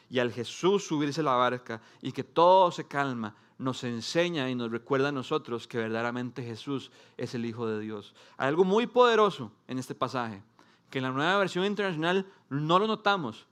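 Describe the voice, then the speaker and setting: A male pastor delivers a sermon before a congregation in a fairly high-pitched voice. He speaks in short, emphatic phrases with dramatic pauses, and at times builds into animated storytelling. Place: church service before a congregation.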